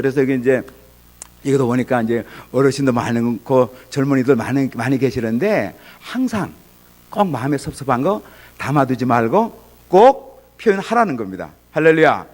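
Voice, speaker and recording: A middle-aged man preaching a sermon as pastor, animated and acting out little scenes of angry and gentle parents. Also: mid-range voice.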